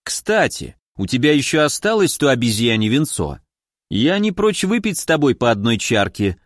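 A cocky young wandering mage, as a male narrator reads him, calm, teasing and sure of himself. The voice moves in a lively way. The sound is close and dry. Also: mid-range voice, moderate pace, no echo, lightly acted.

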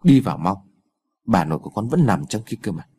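An exhausted, short-tempered father scolds his child in a ghost story. His speech is stern and flat, with a warm, husky tone, as a male narrator plays him. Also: fairly low pitch, a little fast, pitched below the performer's own voice. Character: tired, irritable middle-aged father.

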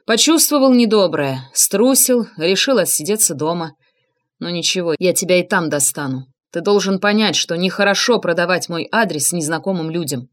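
Woman narrator voicing a blunt, short-tempered ex-paratrooper, audiobook; animated delivery. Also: on the low side, normal speed, lightly acted. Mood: grumbling. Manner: barking commands, blunt. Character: impatient ex-paratrooper man, gruff, quick to shout.

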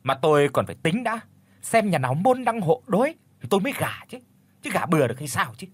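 A greedy old village official from a told folk story, boasting in a raised, rushed, husky voice, which a man acts out. He sounds arrogant and self-important. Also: high-pitched, very animated, no room sound, voice pushed up, exaggerated voice. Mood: boastful. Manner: boastful, haughty.

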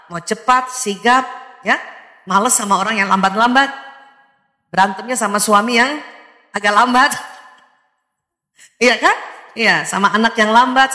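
A woman with a high, bright voice gives a lively parenting talk to mothers. She keeps questioning her audience and laughing. Her voice rings through a large, reverberant hall. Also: moderate pace, long pauses. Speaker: parenting speaker. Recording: echoey hall with long reverb.

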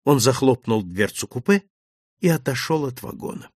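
Expressive male audiobook narrator. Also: mid-range voice, moderate pace, dry recording, clean studio sound. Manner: expressive, dramatic storytelling. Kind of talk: first-person literary narration.

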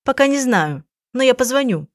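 A woman reading an audiobook, voicing a young woman detective who speaks in a brisk, teasing manner. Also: high voice, lively intonation, no room sound, studio quality, voice pushed up. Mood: wry.

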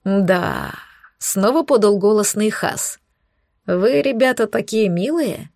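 Ней: женщина читает насмешливого инкуба. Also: female voice, medium pitch, very animated, slow pace, vocal fry, a little mellow, dry recording, heavily acted. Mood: teasing. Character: young male incubus, excitable and teasing.

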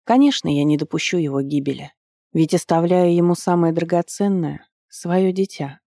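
A woman voicing a tender, loving ancient goddess mother who speaks in a soft, hushed way. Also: fairly low pitch, moderate pace, no echo, studio quality, lightly acted. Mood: tender, sorrowful.

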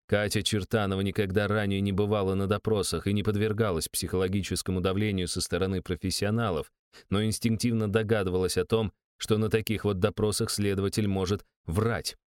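Low-voiced male audiobook narrator. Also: little pitch movement, brisk, clear, resonant tone, no room sound, studio quality. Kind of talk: scripted narration.

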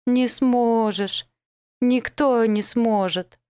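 Audiobook heroine: a tearful young woman, terminally ill, begging and pleading, voiced high and strained, as a woman reader puts her on. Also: fairly even intonation, moderate pace, dry recording, clean studio sound, close to an everyday voice. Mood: sobbing. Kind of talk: audiobook character voice.

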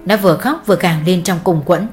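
A woman narrating a dramatic family story in steady, scripted storytelling. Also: fairly low pitch, fast talker, soft background music.

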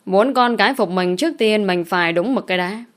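A woman's voice: medium pitch, a little fast, close to an everyday voice. Woman reading as a bold young daughter, blunt, cutting, storybook reading. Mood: firm. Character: sharp-tongued young peasant daughter, bold.

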